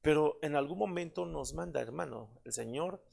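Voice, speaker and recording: A man's voice: on the high side, moderate pace, vocal fry, a little mellow, slightly rough. A man, a pastor, preaching a prayer-service sermon in an earnest manner with many fillers and repeated calls to his listeners.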